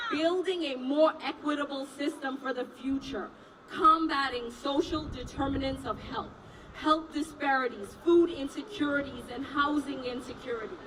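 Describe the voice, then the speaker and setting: A woman from Trinidad and Tobago, a resident physician and union officer, giving a rousing rally speech and chanting slogans. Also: sits high. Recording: distant mic, loud crowd and street noise.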